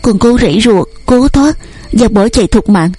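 Woman reading a scared, weepy young daughter in a storybook, pitched a little higher, soft breathy tone. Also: lively intonation, moderate pace, faint music behind. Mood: tearful. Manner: pleading, sobbing.

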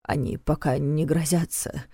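A woman voicing a frightened young man who speaks quietly and warily, in an audiobook. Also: deep voice, steady tone, unhurried, husky, no room sound, studio quality, full character voice. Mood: hushed.

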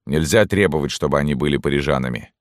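A man voicing a gruff, soft-hearted army sergeant who grumbles and speaks bluntly. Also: extremely low pitch, fast talker, no echo, clean studio sound. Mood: rallying.

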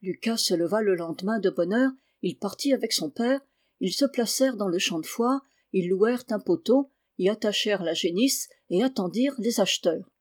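A woman narrating a classic children's novel aloud in a calm, measured reading. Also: mid-range voice. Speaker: audiobook reader. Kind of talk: storybook narration.

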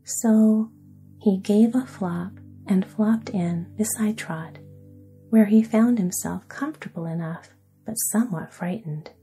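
A woman narrating a sleep story in a soft, hushed, soothing whisper. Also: mid-range voice, slow pace, soft background music.

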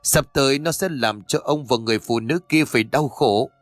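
A man voicing a bitter, vengeful young woman who speaks in an accusing, sharp, pleading way. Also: medium pitch, moderate pace, no echo, faint music behind, lightly acted.

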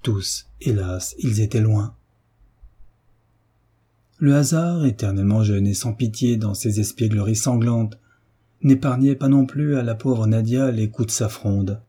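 A man narrating a novel in a measured, steady reading. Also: lowish voice, husky. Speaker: audiobook narrator.

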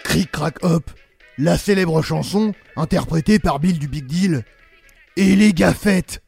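A man narrates a mock crime story in a solemn, documentary-style tone. His voice is somewhat high, gravelly and husky. Faint music plays behind him. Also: takes it slowly, a little mellow. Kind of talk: mock-dramatic narration in a comedy podcast.

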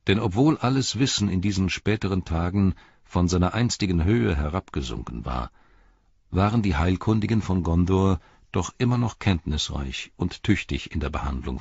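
A man narrating a story in calm, even storytelling. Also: sits low, breathy edge, no room sound, lo-fi sound. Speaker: audiobook narrator. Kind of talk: scripted narration.

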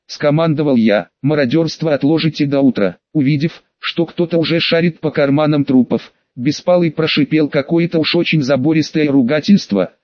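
A man's voice: on the high side, no echo. Raised-voice male audiobook narrator. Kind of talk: first-person scripted narration. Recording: dull, dry studio sound.

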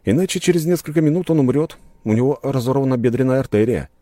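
A man's voice: a little high, very animated, normal speed, mellow, slightly rough, dry recording, clean studio sound, voice pushed up. A man reading an audiobook, voicing a confident young nobleman who speaks coolly and with faint mockery. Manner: cool, faintly mocking.

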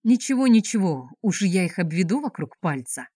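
A woman's voice: mid-range voice, sing-song, normal speed, dark tone, slightly rough, dry recording, clean studio sound. A woman doing a sly cheerful wanderer. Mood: easygoing.

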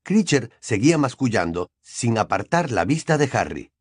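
A man narrating an audiobook with an expressive storytelling delivery. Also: mid-range voice, normal speed, husky, no room sound, clean studio sound. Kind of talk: scripted narration.

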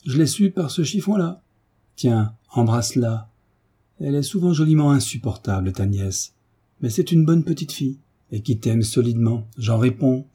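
A man voicing a gruff, affectionate old family doctor who speaks brusquely and heartily. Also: medium pitch, animated, moderate pace, warm tone, pitched above the performer's own voice. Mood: hearty, brusque.

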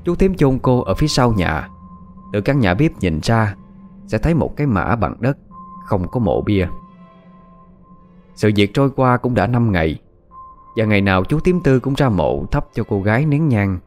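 A man with a Southern Vietnamese accent narrating a ghost story in a calm, measured way. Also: fairly low pitch, faint music behind.

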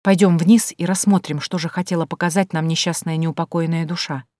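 Nervous young friend, woman reader, hushed, audiobook, low voice. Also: steady tone, fairly quick, no echo, clean studio sound, natural voice. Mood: eager. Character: anxious young woman friend, timid but eager. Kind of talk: audiobook character voicing.

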